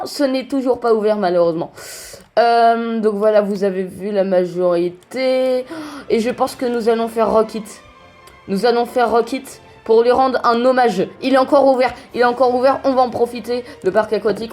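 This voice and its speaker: A woman talks through her game session in a relaxed, chatty way, pausing often to search for words. Her voice sits a little high, and soft game music plays faintly behind her. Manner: chatty, hesitant, many fillers. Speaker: gameplay commentator. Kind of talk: casual gameplay commentary.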